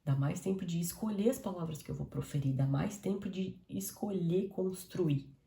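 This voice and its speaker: A woman, talking quickly and directly to her listeners in a casual devotional live stream. Her voice sits a little low and has a gravelly edge. It sounds like an echoey room. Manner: fast, warm-hearted, conversational, addresses audience as "gente".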